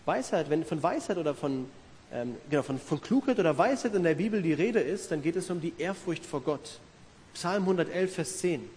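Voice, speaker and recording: A man's voice: fairly high pitch, animated, normal speed, darkish tone. A middle-aged man preaching a sermon in an earnest, conversational way, asking his listeners questions. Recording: reverberant hall with faint hiss.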